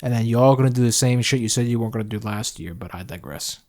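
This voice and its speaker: A man's voice: medium pitch, quick pace, darkish tone. A man cohosting a podcast in casual chat, teasing and playful. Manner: teasing, playful, puts on an upbeat podcast greeting. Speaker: podcast co-host.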